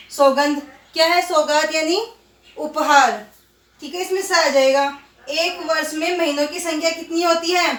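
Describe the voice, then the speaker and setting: A woman's voice: high voice, a bit bright, recorded from a distance. A woman teaching a primary school class, patiently drilling pronunciation and asking and answering her own questions. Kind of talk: recorded online class lesson. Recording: roomy, from off-mic.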